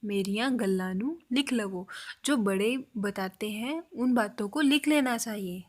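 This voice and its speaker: A woman teaching a spoken language lesson, slowly repeating example phrases for learners. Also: mid-range voice.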